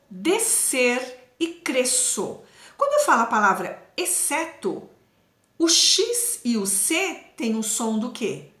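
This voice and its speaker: Female schoolteacher, higher voice, careful kid-friendly explaining, echoey room. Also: fairly bright tone. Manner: slow, careful, repeats sounds for children. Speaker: primary school teacher. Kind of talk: classroom lesson explanation.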